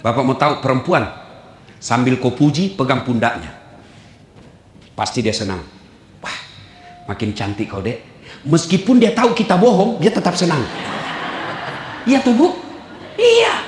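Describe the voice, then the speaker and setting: A man's voice: a little high, moderate pace, long pauses. A man preaching a humorous sermon to a live audience, telling jokes and acting out quoted husbands and wives. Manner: lively joking storyteller, acts out quoted husbands and wives. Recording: echoey hall recording with faint noise.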